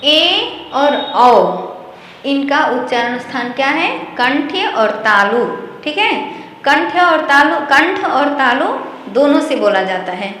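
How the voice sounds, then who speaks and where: A woman gives a slow online grammar lesson, repeating each point and stopping to check that her students follow. Her voice sits high and comes from some distance off the mic. A long, hollow room echo rings around her words over a faint background hiss. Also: animated, fairly bright tone. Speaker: Sanskrit teacher. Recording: echoey room, voice from far off.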